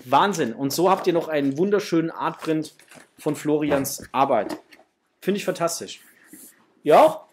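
Framed posters hang in the small home room where this toy-collecting host, a middle-aged man, unboxes items for his viewers in a casual, enthusiastic chat heavy on superlatives. His voice sits on the high side, animated but a little slow, darkish in tone, with a touch of hiss or hum.

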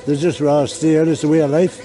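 Outdoors on a busy city street, a man with a Northern Irish accent from Belfast answers interview questions in a plain way, repeating words as he goes. His slightly high, mellow voice has little pitch movement and a quick pace, with a bit of hiss or hum.

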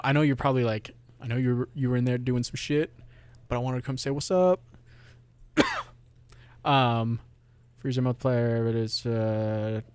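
A young man streams a game with a sore throat. He chats casually at an everyday middle pitch, swearing and rambling between comments aimed at himself and the game. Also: smooth, no echo. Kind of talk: casual live gameplay commentary.

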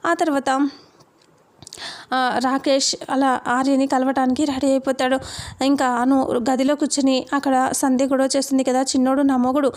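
Woman narrator, casual serial retelling, high voice, flat pitch, runs straight through each character's lines. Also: moderate pace. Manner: continuous storytelling that reads out every character's lines.

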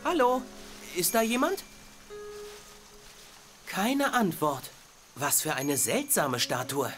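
A woman's voice: lowish voice, expressive, slow pace. A woman voicing a curious, polite young boy adventurer in a video game, wondering aloud in a hesitant manner. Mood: curious, musing. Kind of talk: video game character acting. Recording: loud game music underneath.

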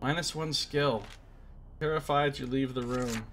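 A man's voice: medium pitch, unhurried, a bit bright. A man doing a let's play, reading game text aloud theatrically and reacting casually as he goes. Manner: theatrical storybook-style reading. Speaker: game streamer. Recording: faint background noise.

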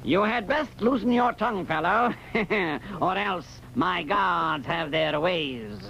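A man voicing a cruel, menacing Caliph who gloats slowly over his captive. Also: high-pitched, vocal fry, bright, forceful tone, slight background noise, full character voice, poor audio. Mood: gloating. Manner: slow, gloating, sinister. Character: cruel, menacing male Caliph ruler who laughs at threats.

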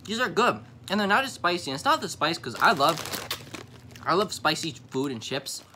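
A man's voice: a little high, sing-song, moderate pace, noisy background. A young man vlogging a snack taste test from his home basement, talking in laid-back slang and chewing as he goes.

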